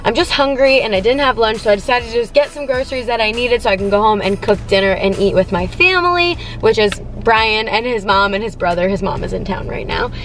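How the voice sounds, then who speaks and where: A woman's voice: a little high, a little fast, hardly any pauses, soft background music. A young woman vlogger in bubbly, casual chat, talking to a dashboard camera from a parked car. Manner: bubbly, chatty, animated hand gestures. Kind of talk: casual grocery haul chat.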